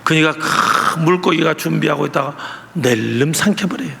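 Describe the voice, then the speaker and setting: Male pastor, high bright gravelly voice, emphatic sermon delivery, long church reverb. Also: moderate pace. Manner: emphatic, asks the congregation rhetorical questions. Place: church sanctuary. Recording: echoey church hall.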